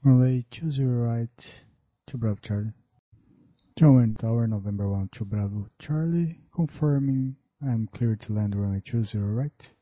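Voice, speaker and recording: A man's voice: mid-range voice, normal speed, mellow, no echo. A man talking as a pilot over a cockpit headset radio, giving clipped, procedural readbacks. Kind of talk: aviation radio calls. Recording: muffled lo-fi radio audio.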